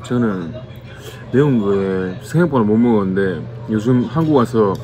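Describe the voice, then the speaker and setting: A man's voice: on the low side, lively intonation, moderate pace, a little mellow. A young man in a chicken restaurant, talking casually to his viewers with his mouth full while eating. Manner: chatty, addresses viewers directly. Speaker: vlogger. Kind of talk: casual food vlog chat.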